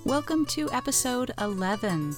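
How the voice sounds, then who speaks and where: A woman's voice: a little high, sing-song, moderate pace, music in the background. A woman, hosting a casual, chatty podcast while recording from inside a closet at home. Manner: chatty and easygoing, with soft laughs. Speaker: podcast host. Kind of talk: casual solo podcast chat.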